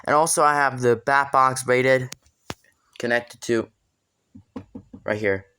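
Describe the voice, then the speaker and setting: A man talks informally through a hands-on demonstration. His voice is clear and smooth, sitting at a middle pitch. The delivery is casual and unscripted. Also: takes it slowly, sharp tone. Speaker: hobbyist demonstrator.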